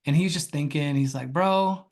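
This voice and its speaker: A man tells a story in a casual podcast interview, swearing freely and acting out the people he quotes. His telling is lively and loose, with plenty of asides. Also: fairly high pitch, moderate pace. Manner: animated storyteller who acts out quoted voices, swears freely. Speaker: guest, pond construction company founder.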